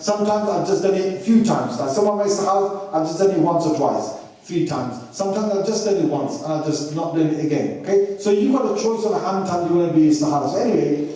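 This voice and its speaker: A man's voice: on the high side, fast talker, warm tone, recorded from a distance. A man giving a religious lecture with anecdotes, telling stories and acting out the dialogue with self-deprecating asides. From Britain. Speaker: Islamic lecturer. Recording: echoey hall from off mic.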